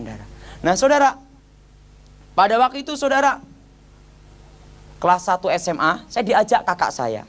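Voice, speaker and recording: Seorang pria berlogat Jawa memberi kesaksian hidupnya dengan gaya bercerita yang bersemangat, sering menyapa pendengar dengan "saudara" dan memeragakan dialog dengan suara yang berganti-ganti. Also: male voice, on the high side. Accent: Javanese. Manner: keeps addressing listeners as "saudara"; acts out dialogue in shifting voices. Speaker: former occultist giving a conversion testimony. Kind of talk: animated testimony storytelling.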